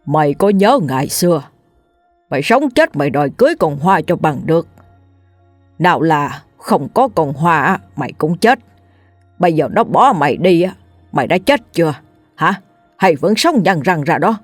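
A stubborn old village mother who nags and scolds her grown son, voiced by a woman narrating a storybook tale. The voice sits low and close, with a soft music bed behind it. The room is dry and dead. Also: sing-song, moderate pace, dry recording. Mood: wailing. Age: older. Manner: nagging, scolding.

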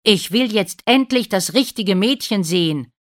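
A woman's voice: sits low, sing-song, a little slow. A woman voicing an earnest fairy-tale prince. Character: young prince, earnest then exasperated.

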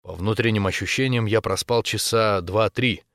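A man narrating a first-person romance novel as an audiobook, in a steady, intimate storytelling voice. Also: on the low side, normal speed, no room sound, clean studio sound.

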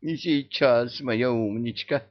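A man's voice: mid-range voice, takes it slowly, lo-fi sound, pitched above the performer's own voice, lightly acted. A man voicing a doting old witch woman who coos and fusses in an audiobook. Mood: cooing. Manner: cooing, fussing.

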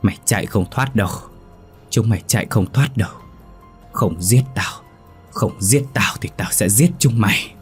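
A man's voice: lowish voice, moderate pace, soft background music, close to an everyday voice. A man doing a possessed girl's taunting demon voice. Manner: taunting, eerie. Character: demon-possessed young woman, mocking and menacing.

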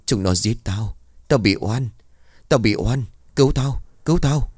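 A man's voice: mid-range voice, a little slow, darkish tone, breathy edge, no room sound, voice pushed up. A man voicing a possessed young woman whose vengeful spirit screams and sobs. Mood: sobbing. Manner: screaming, sobbing pleas.

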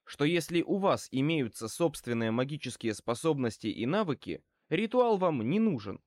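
A man reading an audiobook as a male wizard private eye who speaks wryly and with calm menace. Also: fairly high pitch, moderate pace, dry recording, clean studio sound. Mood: wry, cool. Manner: wry, calmly threatening.

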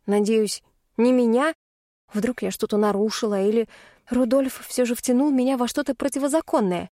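A woman narrates an audiobook in the first person with a fairly high, mellow voice. She reads expressively, and the recording is dry and close. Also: normal speed, dry recording. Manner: expressive, indignant in dialogue.

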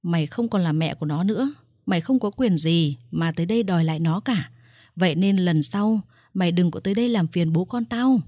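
A woman's voice: on the low side, a little fast, mellow, dry recording, studio quality, close to an everyday voice. Woman doing a cruel, threatening young man. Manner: harsh, threatening, dismissive.

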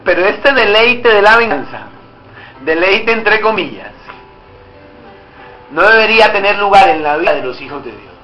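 A man's voice: high voice, expressive, normal speed, long pauses, dull audio. A man preaching a sermon as pastor, acting out back-and-forth dialogues with God. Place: church hall. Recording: echoey church hall with faint music.

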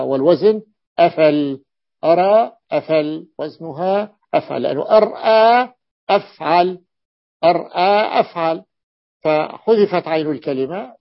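A man's voice: fairly high pitch, lo-fi sound. A man teaching Arabic morphology, explaining a classical text, repeating key forms and calling on a student to read on. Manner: repeats key forms and invites the reader to continue.

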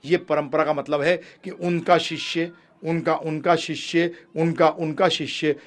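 A man giving a Gita discourse, rising to loud emphatic peaks and dropping to low, quick asides, asking the audience questions and answering them himself. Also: flat delivery. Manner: addresses listeners as prabhu ji. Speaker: preacher.

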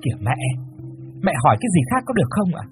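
A man voicing a curt, sharp-tongued young daughter. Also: medium pitch, rapid-fire, soft background music, lightly acted. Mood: snappish. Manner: snappish, curt. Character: sharp-tongued young woman, daughter defending her boyfriend.

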